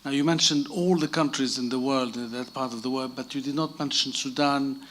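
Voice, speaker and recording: A man in the audience politely asking a question, pausing slightly as he goes. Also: mid-range voice, fairly even intonation, fairly bright tone, slight background noise.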